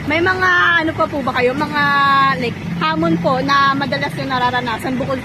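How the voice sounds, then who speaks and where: A woman's voice: sits high, steady tone, normal speed, a crowd in the background. A woman interviewer politely asking prepared questions in a casual street interview, echoing the answers back. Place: outdoors at a roadside. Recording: very noisy busy street with traffic.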